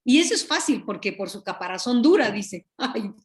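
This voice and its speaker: A woman teaching a Bible study over a video call, earnest and animated, often correcting herself mid-sentence. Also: mid-range voice, moderate pace. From Guatemala.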